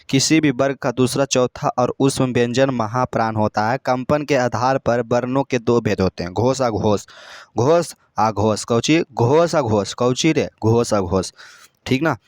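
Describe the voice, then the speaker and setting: Male teacher, mid pitch, call-and-response drilling, dry room. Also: no room sound. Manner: repetitive call-and-response questioning; coaxing students with pet names. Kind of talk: grammar lesson lecture.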